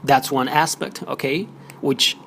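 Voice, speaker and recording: Creaky-voiced male teacher explaining. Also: medium pitch, steady tone, a little slow, fairly bright tone, a little hiss or hum. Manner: explanatory, many fillers and check-ins like "okay?". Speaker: Spanish teacher. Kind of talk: recorded audio lesson.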